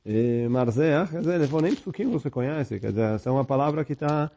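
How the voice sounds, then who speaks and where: Guy going through talmud, reads the aramaic then explains it chill, soft mellow voice. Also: on the high side, lively intonation, racing, gravelly, husky. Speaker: Talmud teacher. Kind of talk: Talmud study lesson.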